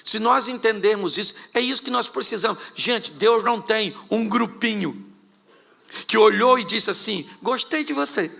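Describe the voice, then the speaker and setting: Before a congregation in a church hall, a middle-aged Carioca pastor from Rio de Janeiro, Brazil delivers a funny live sermon full of joking anecdotes and rhetorical questions. He speaks at normal speed in an animated, high, creaky voice that sounds pushed and bright.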